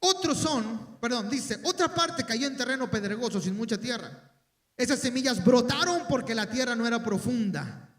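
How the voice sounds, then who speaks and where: High-voiced preacher in echoey hall. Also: male voice, expressive, normal speed, a bit bright. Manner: conversational, repeats words and restarts, asks the congregation questions. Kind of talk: sermon. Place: church hall. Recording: echoey hall, mic at a distance.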